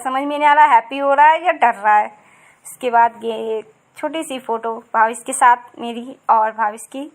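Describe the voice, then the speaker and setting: Woman, thirties, high voice, casual vlog narration, rambling, chatty. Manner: chatty, rambling, repeats herself with many fillers. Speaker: vlogger.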